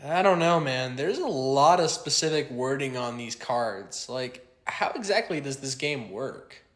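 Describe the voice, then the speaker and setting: A man's voice: mid-range voice, animated, unhurried, a bit bright. A man in casual comedy sketch dialogue, speaking as a card game player. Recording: roomy echo.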